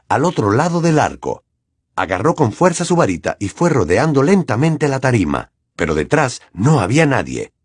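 A man narrating an audiobook in an expressive, dramatic reading. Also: mid-range voice, husky, dry recording, studio quality. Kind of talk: scripted narration.

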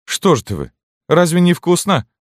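A man voicing an excitable army canteen woman who talks loudly and exclaims a lot. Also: on the high side, no room sound, clean studio sound, pitched above the performer's own voice. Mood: brash. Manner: loud, exclaiming, quick to pity.

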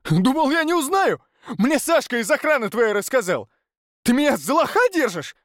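A man voicing a furious, hysterical business partner who yells at his associate in an audiobook. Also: on the high side, wildly swooping pitch, slow, no echo, clean studio sound, voice pushed up, exaggerated voice. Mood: enraged. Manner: yelling, hysterical. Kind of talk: audiobook narration.

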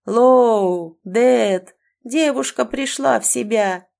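A woman voicing a greedy old female cave-dweller who speaks slowly and gloatingly in an audiobook. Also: mid-range voice, vocal fry, darkish tone. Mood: shouting.

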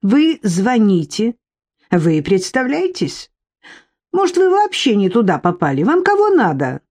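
A woman's voice: mid-range voice, wildly swooping pitch, unhurried, a little mellow. A woman doing a brash cheeky meddler, Sofia.

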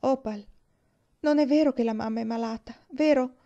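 A frightened little boy, put on by a woman reading aloud, pleading in a raised, anxious voice. The tone is mellow rather than bright. It comes across as an audiobook heard through a dull, lo-fi recording. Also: on the high side, normal speed, pitched above the performer's own voice, lightly acted.

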